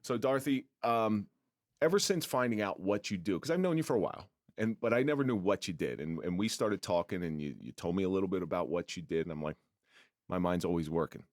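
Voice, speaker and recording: A middle-aged man with a very low voice hosts a podcast, rambling easily and repeating words as he gathers his thoughts. The sound is dry and close. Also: lively intonation, quick pace, darkish tone, no echo. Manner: talkative, repeats words when starting a thought. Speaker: podcast host. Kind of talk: casual interview chat.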